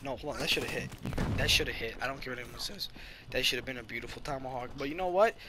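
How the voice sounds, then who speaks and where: A young man commentating his own gameplay, excitable and prone to sudden yelling. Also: medium pitch, fast, slight background noise. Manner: excitable, bursts into yelling and shrieks. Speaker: gaming channel host. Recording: game gunfire behind the voice. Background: gunfire and game sounds.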